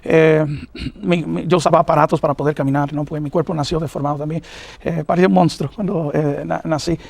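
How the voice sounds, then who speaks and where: Fast, halting preacher man telling his testimony. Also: a little high, steady tone, creaky, darkish tone, no room sound. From New York, of Puerto Rican parents. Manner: earnest, halting, many fillers. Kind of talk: personal testimony in an interview.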